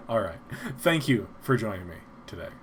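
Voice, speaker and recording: A man hosting a casual live stream in a soft, breathy, low-spoken voice with an old-timey radio announcer delivery, rambling and self-deprecating. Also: wildly swooping pitch, moderate pace, slight background noise.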